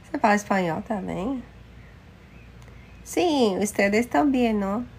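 A woman from Manaus with a Brazilian accent, hosting a casual livestream and greeting viewers one by one by name, slipping into halting Spanish. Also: mid-range voice, animated, a little mellow, a little hiss or hum. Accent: Brazilian Portuguese. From Manaus, Amazonas, Brazil. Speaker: livestream host. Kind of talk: casual live chat with viewers.

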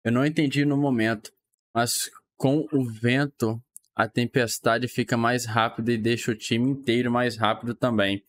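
Young Brazilian male reaction streamer, average pitch, casual and slangy, chatty delivery. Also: steady tone, normal speed. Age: young adult.

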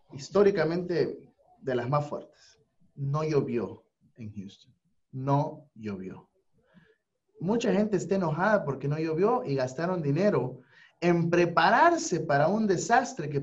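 A man hosting a radio talk, speaking in an earnest, preacher-like way about faith and support. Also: on the high side. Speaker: radio host. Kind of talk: casual spiritual talk. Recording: dull lo-fi audio.

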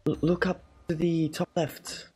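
A man's voice: on the high side, little pitch movement, a little slow, mellow, husky, faint music behind. A man playing a game with a friend, dropping dry, teasing one-liners. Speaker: co-player. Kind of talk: casual gaming chat.

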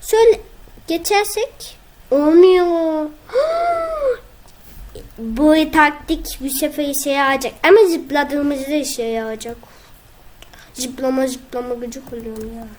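A young woman, casually commenting on her own gameplay, excitable and whiny when frustrated. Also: sits high. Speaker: gaming video host.

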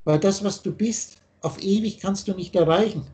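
A man's voice: sits high, normal speed, a little mellow. Man lecturing insistently over a video call. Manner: insistent, lecturing, spells out letters. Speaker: spiritual teacher. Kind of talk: teaching monologue on a video call.

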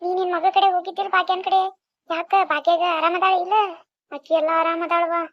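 A woman's voice: very high-pitched, level tone, fairly quick, no echo. A woman doing a bold, caring neighbor woman. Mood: worried. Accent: North Karnataka Kannada. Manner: consoling, rousing. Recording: dull lo-fi recording.

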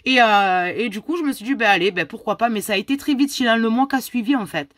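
A woman's voice: on the high side, quick pace, fairly bright tone, no room sound, studio quality. A woman in her thirties, a mother of three, chatting casually to her viewers and answering their questions in a rambling way full of fillers. She sounds tired and a little ill. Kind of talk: casual chat.

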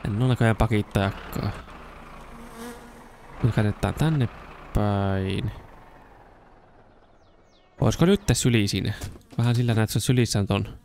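A young man with a fairly low voice talks through a video game in casual let's-play style. He chats to himself as he plays and breaks into excited shouting when something works, recorded close on a desk microphone. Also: creaky, pauses often, slight background noise. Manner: chatty, talks to himself while playing, bursts into excited shouts. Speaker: gaming YouTuber.

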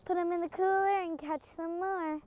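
A woman's voice: extremely high pitch, fairly even intonation, moderate pace, darkish tone, a little hiss or hum. A young woman on a fishing boat outdoors, keeping up a chatty, wry commentary for an action camera. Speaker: vlogger, angler. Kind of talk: casual fishing vlog chat.

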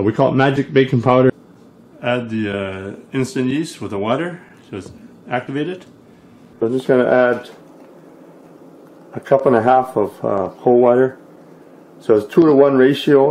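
An easygoing man talks through a casual food vlog at a middle pitch, pausing often with "uh" while he explains. There is a faint hiss behind him. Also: a little mellow. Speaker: food vlogger. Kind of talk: casual vlog and cooking demo.

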